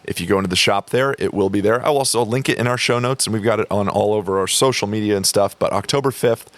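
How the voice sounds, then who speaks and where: A man's voice: lowish voice, fast, dry recording. A man hosting a podcast in a casual, upbeat, promotional way. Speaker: podcast host. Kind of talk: casual chat.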